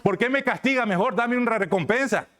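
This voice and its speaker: A preacher voicing a whining, self-justifying Judas. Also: male voice, very high-pitched, fairly quick, fairly bright tone, pitched above the performer's own voice. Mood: pleading. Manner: whining, argumentative, defensive. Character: Judas pleading self-justifying betrayer, adult man.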